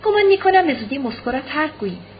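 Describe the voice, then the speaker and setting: Brief: a woman voicing a proud, despairing young noblewoman, soft and low-key, fairly high voice, muffled audiobook recording. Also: big pitch swings, a little hiss or hum. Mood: sorrowful. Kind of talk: audiobook reading.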